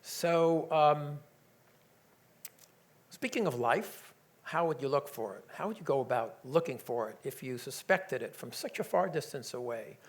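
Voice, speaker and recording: A man's voice: mid-range voice, animated, unhurried. A man giving a public science talk, enthusiastic and joking, with frequent hesitations. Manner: enthusiastic, joking, with many fillers. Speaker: lecturer.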